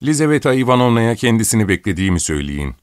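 A man's voice: fairly low pitch, big pitch swings, racing, smooth, dry recording, clean studio sound, voice pushed up. A man voicing an imperious, fussy old countess who scolds and orders people about in an audiobook. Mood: scolding. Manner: scolding, peevish, bossy. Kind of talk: audiobook character voice.

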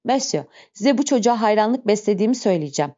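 Woman reading sly male innkeeper, smooth false earnestness, mellow voice, dull lo-fi recording. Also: medium pitch, expressive, quick pace, natural voice. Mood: falsely earnest. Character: sly fawning male innkeeper, feigning tenderness.

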